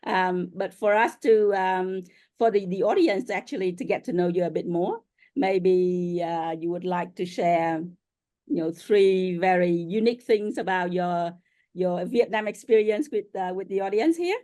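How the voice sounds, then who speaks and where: A woman hosts an interview with a low, mellow voice. She talks in a friendly way and fills her pauses with "um" and "uh" as she works her way to each question. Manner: friendly, many fillers. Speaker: host.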